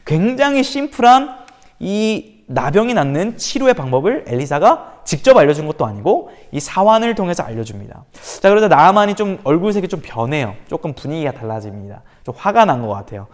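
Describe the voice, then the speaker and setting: A male pastor giving a youth sermon, telling the story with animated, acted-out quotes. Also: on the high side, fairly quick. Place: church room for online service.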